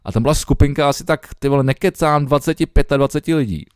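A man's voice: on the high side, clean tone, no echo, clean studio sound. A young man co-hosting a podcast over a remote call, chatting loosely with lots of swearing and fillers. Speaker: podcast co-host. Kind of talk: casual chat.

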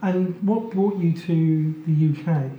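A man's voice: a little high, slow pace. A man hosting an interview in a conversational way, often giving brief affirming interjections. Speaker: podcast host. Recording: roomy, slightly dull sound with faint noise.

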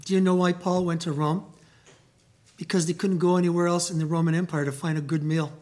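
This sermon comes from a pastor who speaks Italian as his first language and has a high-pitched voice, preaching in a church building. Scripture is read with slow emphasis that climbs to loud proclamation. He then shifts to a quiet, gentle voice for prayer.

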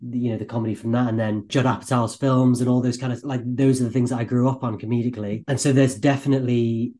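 A man being interviewed about his work as a writer and performer, talking casually and quickly in a podcast studio, with many restarts and self-deprecating asides. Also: medium pitch, fairly even intonation, mellow.

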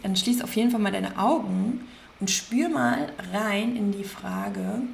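Gravelly-voiced woman coaching gently. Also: medium pitch, a little hiss or hum. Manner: gentle, coaching, slowly repeats and stresses words. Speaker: podcast host, coach. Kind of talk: guided self-reflection talk.

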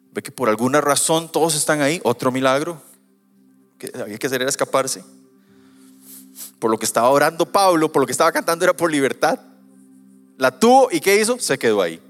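Animated male preacher over faint music. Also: mid-range voice, brisk, long pauses. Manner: animated, swings from soft asides to loud emphatic preaching. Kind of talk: sermon.

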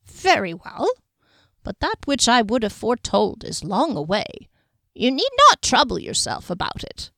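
A woman's voice: on the high side, big pitch swings, vocal fry, fairly bright tone, no room sound, clean studio sound, pitched above the performer's own voice, exaggerated voice. A woman doing a nasal, sibilant male diviner. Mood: ominous. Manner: slow, drawn-out, knowing pronouncements.

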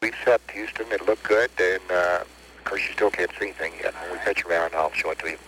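A man's voice: sits low, steady tone, fast, fairly bright tone. A man, an astronaut, giving terse clipped calls over a crackly space-to-ground radio link with beeps. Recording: distant noisy archival radio link.

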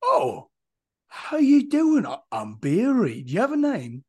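A folksy dwarf adventurer, put on by a man at a game table. The voice is husky and friendly, swinging very widely in pitch. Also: wildly swooping pitch, a little slow, heavily acted. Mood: friendly, eager. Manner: chummy, informal.

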